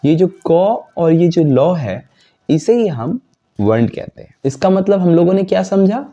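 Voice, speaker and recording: Man, slow teaching pace, lively pitch, mellow tone, dull lo-fi sound. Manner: explains slowly, repeats terms, recites letters one by one. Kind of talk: grammar lesson.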